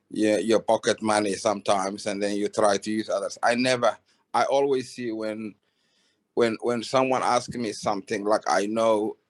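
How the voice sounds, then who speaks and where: A man from Somalia giving a halting personal testimony on a video call, with many restarts and fillers. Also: lowish voice. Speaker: webinar participant. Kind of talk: casual testimony.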